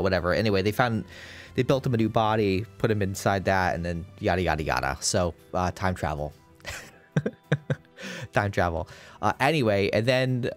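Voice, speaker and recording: Male let's-play host, deep voice, rambling and casual, groggy morning voice, faint game music behind. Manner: rambling, many fillers and restarts. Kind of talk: casual gameplay commentary.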